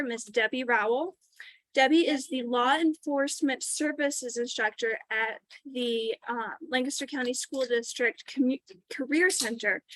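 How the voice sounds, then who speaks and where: A woman's voice: high-pitched, fairly bright tone, no echo, low-quality recording. A woman giving club announcements and formally introducing a guest speaker.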